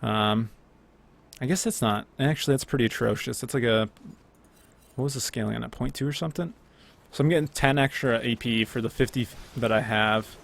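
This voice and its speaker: A young man narrates his own gameplay in a relaxed, talkative way, often using fillers and correcting himself. His mid-range voice is brisk and creaky.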